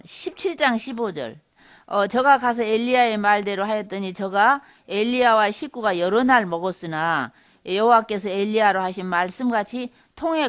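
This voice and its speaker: A woman seminary lecturer teaching Bible history in a conversational way, with rhetorical asides. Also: mid-range voice.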